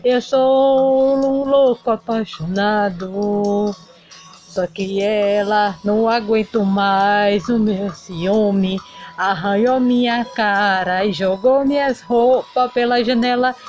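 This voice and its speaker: Woman acting as a male doll singer, melodramatic, sing-song, slow drawl, dull lo-fi sound. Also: mid-range voice, darkish tone, faint music behind, natural voice. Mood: lovesick lament. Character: heartbroken male doll singer, showy bandleader. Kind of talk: toy doll play-acting.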